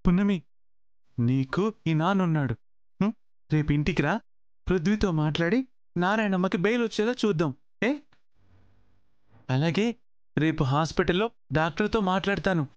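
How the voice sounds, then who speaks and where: A man's voice: high voice, animated, moderate pace, long pauses, clear, resonant tone, no room sound, muffled recording. An actor playing a kind, protective middle-aged father figure in a TV serial, speaking in a soothing, coaxing way. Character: kind fatherly older gentleman, protective and gentle. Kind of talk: TV serial acting.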